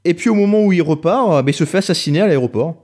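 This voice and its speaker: A quick-talking man whose voice sits a little high, recounting dark events on a podcast with ironic understatement. He pads his sentences with fillers as he rushes along. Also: animated. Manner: ironic storyteller, understated jokes, many fillers. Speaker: podcast co-host. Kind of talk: joking podcast chat.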